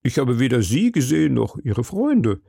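A man's voice: mid-range voice, very animated, normal speed, creaky, mellow, no echo, clean studio sound. A man reading an audiobook who voices a timid, fretful middle-aged shopkeeper with a nervous, fawning manner. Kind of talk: audiobook character voice.

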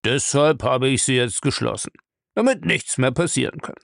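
A man reading aloud and voicing a gruff, menacing old castle owner who grumbles slowly. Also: medium pitch, expressive, a bit bright, dry recording, clean studio sound.

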